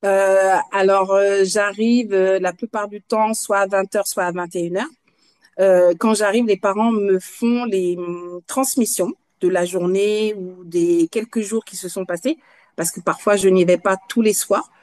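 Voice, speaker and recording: A woman in her fifties from Guadeloupe, a night nurse answering interview questions in a halting way, pausing often to find her words. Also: mid-range voice, steady tone, a little mellow. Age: 50s. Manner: halting, searching for words between pauses.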